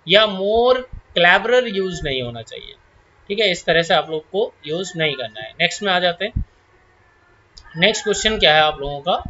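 A man with an Indian accent teaching English grammar rules for exams, reading each rule slowly and then explaining it quickly with check-in questions. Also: sits high, pushed and bright, muffled recording, a little hiss or hum. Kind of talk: exam-prep grammar lesson in Hindi with English examples.

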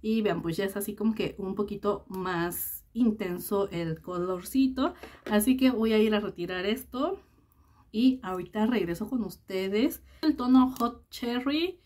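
A woman's voice: mid-range voice, a little slow, dark tone. A young adult woman talking to her viewers in a casual beauty review vlog, chatty and full of fillers and diminutives. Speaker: beauty vlogger.

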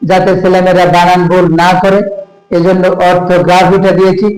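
A man from Bangladesh, the author of an English grammar book, explaining its contents in a halting way and mixing English words into his sentences. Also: high voice, monotone, a little mellow. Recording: echoey room.

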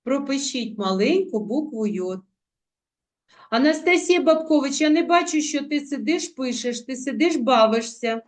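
A woman teaching young children in an online class, coaxing them with diminutives and drawing out words slowly for them to repeat. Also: high voice, animated. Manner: affectionate, coaxing, uses diminutives; slow, drawn-out word modelling. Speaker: primary school teacher. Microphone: video call.

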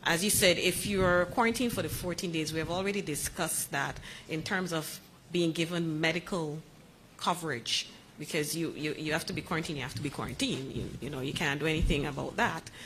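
Low-pitched woman explaining. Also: brisk, a bit bright, slight background noise. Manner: informal, repeats herself. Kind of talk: press conference answers.

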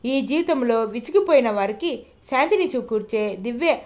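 Woman narrator, audio novel, measured descriptive storytelling, fairly high voice. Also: animated, darkish tone.

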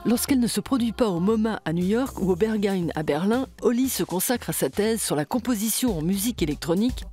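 A woman in her forties narrates a documentary with a mellow, warm tone and an even, informative delivery. Her studio voice-over sits over faint music. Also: medium pitch, fairly quick. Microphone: studio voice-over mic.

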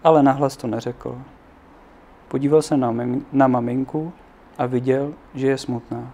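A man reading a children's book aloud in an unhurried way, now and then adding offhand asides of his own. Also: mid-range voice, steady tone, dark tone, slight background noise. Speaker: narrator.

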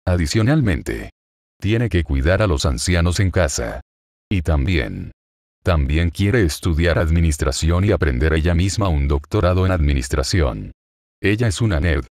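Male narrator for a serialized web novel. Low, dry voice with a steady, machine-like read. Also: moderate pace, no echo. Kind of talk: scripted narration.

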